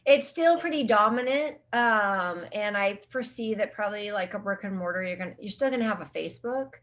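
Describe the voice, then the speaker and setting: A woman chatting as a guest in an interview, talking at an ordinary mid-range pitch. She rambles along with frequent restarts and fillers. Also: a little fast, a bit bright. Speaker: guest social media marketing specialist. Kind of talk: casual conversational interview.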